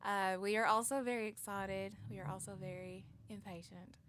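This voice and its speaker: A woman in her thirties with a Tennessee Southern accent chats on a podcast, filling pauses with ums and uhs. Her voice sits at an ordinary middle pitch. A faint background noise runs under the talk. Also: steady tone, a bit bright. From Tennessee, USA. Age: 30s. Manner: chatty, with frequent ums and uhs. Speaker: podcast co-host. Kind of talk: casual chat.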